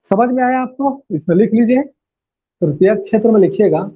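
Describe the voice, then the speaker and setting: Husky high-voiced man teaching a class. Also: lively intonation, moderate pace. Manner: repeats key phrases and quizzes students with questions. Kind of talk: online class lecture. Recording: tinny lo-fi phone-like audio.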